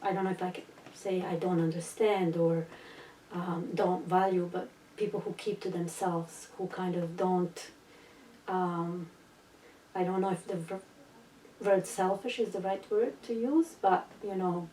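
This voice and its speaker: Middle-aged woman, English, halting, low and even, distant mic in a roomy space. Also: a little hiss or hum. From Bosnia. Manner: hesitant, many fillers and restarts. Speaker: interviewee. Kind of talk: recorded personal story.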